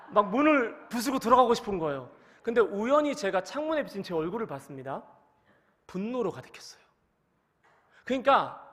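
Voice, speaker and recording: High-voiced male pastor in a reverberant hall. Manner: swings between soft hushed voicing of God and loud exhortation. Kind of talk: sermon. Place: large church sanctuary. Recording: long church-hall reverb.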